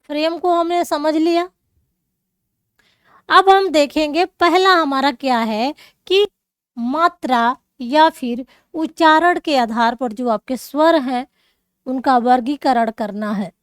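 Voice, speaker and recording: A woman's voice: high-pitched, slow, no room sound, studio quality. A woman teacher explaining grammar rules step by step, checking in often with her students. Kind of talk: classroom lesson.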